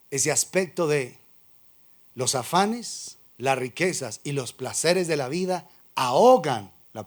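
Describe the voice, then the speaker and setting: A man preaching a sermon as pastor, firing rhetorical questions and acting out imagined excuses. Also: medium pitch. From Colombia.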